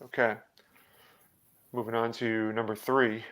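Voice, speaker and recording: Brief: man, trivia host on a video call, smooth clear tone, halting with fillers. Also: medium pitch, little pitch movement, fairly bright tone. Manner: hesitant, many fillers and restarts. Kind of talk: live online quiz hosting.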